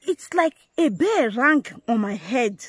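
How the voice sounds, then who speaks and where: A woman vlogger earnestly recounting her life story to viewers, talking in halting phrases that she often repeats and restarts. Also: a little high, sing-song, breathy edge, dry recording, rough recording. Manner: earnest, addresses viewers directly. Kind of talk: personal storytelling to camera.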